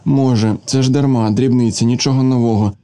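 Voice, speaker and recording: A man voicing a feverish, distraught young woman who was abandoned, speaking softly and half-whispered. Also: medium pitch, fairly even intonation, brisk, natural voice. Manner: soft, breathless, half-whispered.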